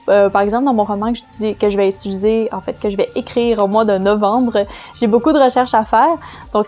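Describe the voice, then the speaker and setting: A woman with a Quebec French accent talks through her writing tips in a relaxed vlog. Her voice sits a little high, and she explains loosely, pausing often to find her words. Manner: chatty, explains loosely with many hesitations. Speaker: vlogger giving writing tips. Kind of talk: casual tutorial vlog.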